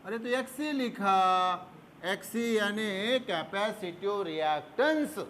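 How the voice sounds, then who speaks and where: A man's voice: high-pitched, lively intonation, takes it slowly, a bit bright. A male physics teacher, explaining a problem at the board. He talks patiently, calls his students fondly and answers his own questions. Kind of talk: board lesson. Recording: faint background noise.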